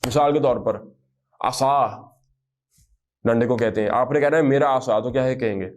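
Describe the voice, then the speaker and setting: A man teaching a grammar lesson to a class at a steady, mid pitch. He slows right down to spell out each example phrase, then keeps checking that his students follow. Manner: explanatory, drills Arabic phrases slowly, checks understanding often.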